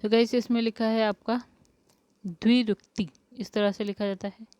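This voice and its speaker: A woman's voice: fairly high pitch, steady tone, normal speed, darkish tone, clean tone, dry recording. A woman teacher working through spelling questions step by step, asking each question and then answering it. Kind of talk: spelling lesson for exam prep.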